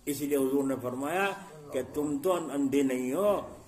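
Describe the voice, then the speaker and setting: A middle-aged man preaching an Islamic sermon, asking the congregation questions and acting out little scenes with sudden jumps in loudness. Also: mid-range voice. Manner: rhetorical questions to the congregation, acts out scenes with sharp shifts in loudness.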